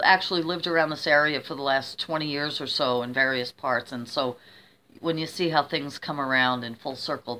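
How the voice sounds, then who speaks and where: A woman's voice: low-pitched, sharp tone. A middle-aged woman with a mild cold, sounding a bit under the weather as she rambles casually to her viewers, often interrupting herself. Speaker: vlogger.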